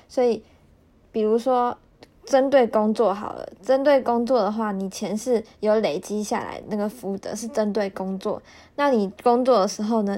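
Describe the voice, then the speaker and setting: A woman's voice: mid-range voice, mellow. A woman podcast host casually sharing thoughts on a book, her articulation slightly off from wearing dental braces, often repeating and rephrasing as she explains.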